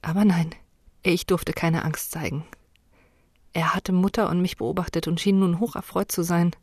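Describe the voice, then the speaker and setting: A woman reading a first-person novel chapter as an audiobook narrator, expressive and heightened in dialogue. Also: lowish voice, normal speed, slightly rough, dry recording, studio quality.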